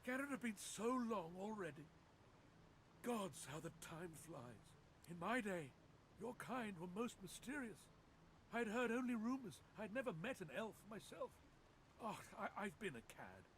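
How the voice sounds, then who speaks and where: A courtly knight from a thousand years past, pinned in place by a spear and speaking in formal, old-fashioned phrases. The voice sits high and moves in lively swoops. It comes from a video game cutscene. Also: male voice, a little slow, a little hiss or hum, heavily acted. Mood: wistful. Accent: a distinct accent. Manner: archaic, formal, pleading speech.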